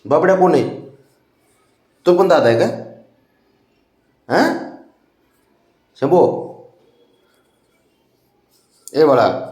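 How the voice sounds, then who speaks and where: Man, mid pitch, sweet-talking a pet in a slow unhurried way, roomy echo at home. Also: animated, a little mellow. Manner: coaxing, teasing baby talk to a pet. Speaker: pet owner vlogger. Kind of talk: casual talk to a pet cat.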